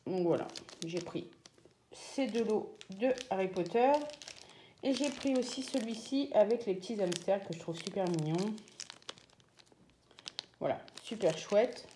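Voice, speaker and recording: A woman chatting casually as she shows off her craft purchases, pausing often with fillers. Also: mid-range voice, dark tone, echoey room, a little hiss or hum. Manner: chatty, hesitant with many fillers. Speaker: craft vlogger. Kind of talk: casual show-and-tell.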